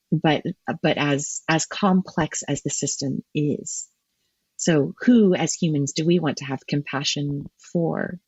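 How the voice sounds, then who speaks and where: Woman scientist thinking aloud, husky voice. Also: deep voice, darkish tone, no echo, highs cut off. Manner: thinks aloud with many restarts and ums. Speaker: marine ecologist guest. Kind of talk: thoughtful interview answers.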